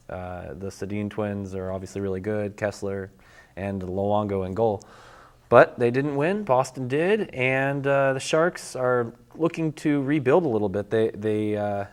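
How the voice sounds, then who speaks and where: A man co-hosting a sports show, casually recapping the hockey season in a halting, joking way with many fillers. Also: lowish voice, clean tone. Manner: halting, filler-heavy, jokey.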